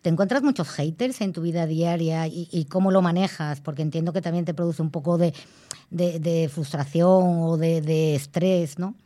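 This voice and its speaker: A woman's voice: sits low, moderate pace, mellow. A woman hosting a radio interview, asking supportive questions that end in probing tags.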